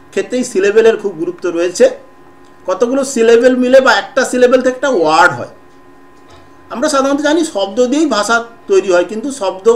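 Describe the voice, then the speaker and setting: A male teacher with a fairly high voice gives an online lesson, building ideas step by step. He pauses often and fills the gaps with soft "ah" sounds. He speaks into a computer microphone on a video call. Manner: explains step by step with frequent pauses and filler sounds. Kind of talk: online class lecture.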